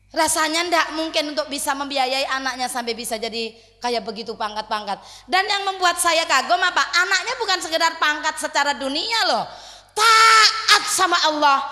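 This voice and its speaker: A woman preacher with an East Javanese accent from Surabaya, giving an expressive religious lecture to women, telling stories and slipping into Javanese with frequent exclamations. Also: mid-range voice, big-room sound. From Surabaya, East Java.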